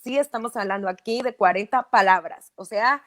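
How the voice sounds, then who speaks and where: A woman's voice: a little high, fairly quick, a bit bright. A speech therapist, a woman, explaining patiently in an interview and often checking "¿verdad?". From Guatemala.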